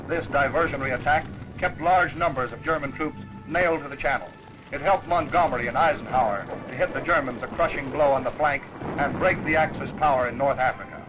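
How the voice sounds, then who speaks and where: A man's voice: on the high side, dull audio, over music. A man reading scripted wartime narration in an emphatic announcer's style, heard as an old 1940s newsreel soundtrack. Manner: brisk, emphatic announcer delivery.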